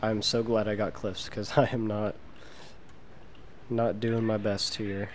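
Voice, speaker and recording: Relaxed low-voiced American gaming commentator. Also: male voice, unhurried, a little hiss or hum. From United States. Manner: relaxed, self-deprecating, trails off mid-sentence. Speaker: gaming video creator. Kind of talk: casual gameplay commentary.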